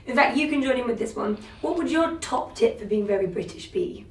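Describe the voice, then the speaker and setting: A woman's voice: a little high, expressive, fairly quick. A woman interviewer asking playful, upbeat questions in a light entertainment interview. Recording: roomy and distant.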